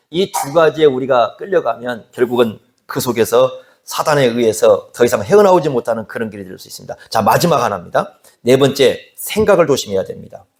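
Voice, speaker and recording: A man preaching a sermon in a conversational way, often asking the congregation questions and acting out quoted dialogue. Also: medium pitch. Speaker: pastor.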